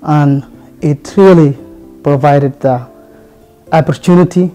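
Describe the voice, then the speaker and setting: A man speaks in a mellow, fairly high voice. He talks haltingly, trailing into soft fillers between phrases as he tells his story for an interview. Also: faint music behind. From Somalia. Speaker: police officer. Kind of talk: interview testimonial.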